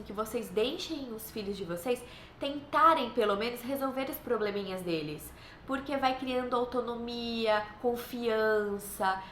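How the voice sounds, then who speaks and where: In her casual advice vlog, recorded in an echoey room with faint background noise, this Brazilian Portuguese-accented woman in her thirties sincerely reassures fellow mothers about parenting. She slips into playful voices for her kids, and her voice is a little high with a fairly bright tone.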